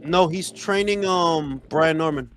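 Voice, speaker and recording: A man's voice: a little high, unhurried, faint music behind. A man leading a casual boxing discussion in a slangy way, repeating phrases for emphasis. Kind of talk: casual chat.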